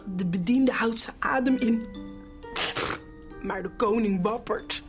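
A woman narrating a children's storybook in an animated, expressive way. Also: on the high side, slow, faint music behind.

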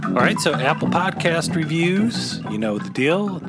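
A man's voice: fairly high pitch, sing-song, unhurried, loud music behind the voice. A man chatting casually as co-host of a fan podcast.

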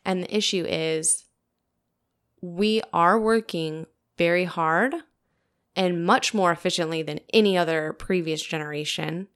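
A woman in her late twenties hosting a casual podcast, chatting in an animated way with lots of "like" fillers. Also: lowish voice, measured pace. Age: 20s. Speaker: podcast host.

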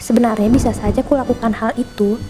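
A young woman reading a novel aloud with lively, expressive storytelling. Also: on the high side, quick pace. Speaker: book reader. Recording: soft background music.

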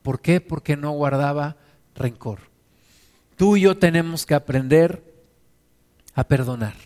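A man's voice: on the high side, unhurried, a little mellow. A man preaching a sermon with an emphatic, repetitive cadence.

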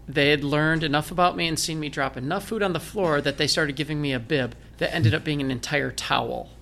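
A little hiss or hum sits under the recording of this man, whose creaky, fairly bright voice is on the high side and fairly quick. A blind military veteran from Michigan with a Northern Michigan accent, he tells his story as an interview guest, joking at his own expense.

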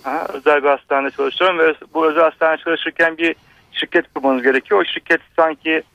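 Fast-talking male caller on a phone line. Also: fairly high pitch, fairly even intonation, no room sound. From Bursa, Turkey. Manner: aggrieved, hesitant, with many fillers. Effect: over a telephone line. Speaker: radio caller, doctor. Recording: muffled phone line, dry.

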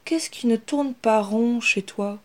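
A woman's voice: on the high side, takes it slowly, darkish tone, pitched above the performer's own voice. A woman voicing a young brother rat who sounds bewildered and exasperated.

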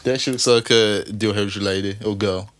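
A man speaks in a fairly low voice, recorded very dry. He chats casually and slangily as a co-host, chipping in with remarks. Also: fairly even intonation, fairly quick, fairly bright tone, dry recording. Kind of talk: casual chat.

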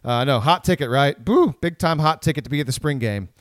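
A man's voice: on the high side, expressive, fairly quick, no echo, clean studio sound. A man co-hosting a casual sports podcast, rambling with frequent restarts. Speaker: podcast co-host.

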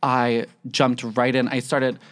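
A young man guest on a studio podcast, talking in a rambling, excitable way, packed with "like", and a bit loud on the mic. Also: medium pitch, slow pace, clear, resonant tone. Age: young adult. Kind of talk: casual chat.

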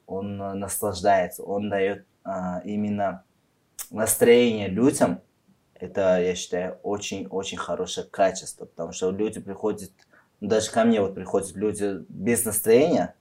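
Low-voiced man with an Uzbek accent. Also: warm tone. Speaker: podcast guest, beauty industry professional. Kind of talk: conversational interview answers.

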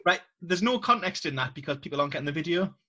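A man's voice: fairly high pitch, animated, racing, bright, forceful tone. A man hosting a podcast over a video call, joking sarcastically and swearing freely. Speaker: podcast host. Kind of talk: casual chat.

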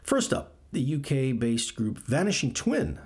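A man's voice: medium pitch, big pitch swings, slow, darkish tone, breathy edge. A man hosting a music podcast, chatting casually and enthusiastically about albums, with frequent ums. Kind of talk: casual music radio chat.

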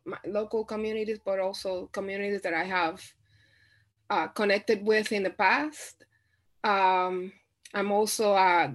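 A woman from Puerto Rico, a visual artist, answering interview questions haltingly with many pauses and restarts. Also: mid-range voice, fairly bright tone.

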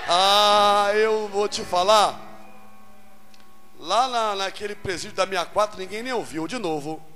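A man with a Brazilian Portuguese accent preaching an animated sermon, calling out to the congregation for amens. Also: high-pitched, measured pace, big-room sound, background noise.

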